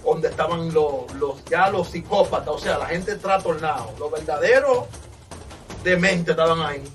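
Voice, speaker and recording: A man, a pastor, giving an impassioned testimony that swings from loud exclamations to hushed storytelling. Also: on the high side, normal speed, distant mic, soft background music. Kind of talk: fervent preaching testimony.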